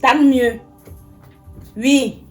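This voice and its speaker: A woman's voice: sits high, fairly even intonation, extremely slow, a little mellow, faint music behind. An actress playing a tired woman pleading with her uncle, insistent and exasperated.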